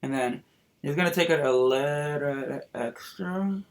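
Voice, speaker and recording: A man's voice: on the high side, a little slow. A man chatting casually through a makeup tutorial as a sassy drag queen, with campy slang and exclamations. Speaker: makeup vlogger and drag performer. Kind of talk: casual get-ready-with-me makeup tutorial chat.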